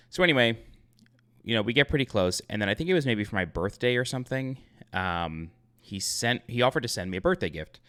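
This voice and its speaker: This man's voice is fairly low but pushed and bright. In his thirties and from Long Island, New York, the YouTube host rambles casually through a personal story, full of fillers and frequent self-corrections.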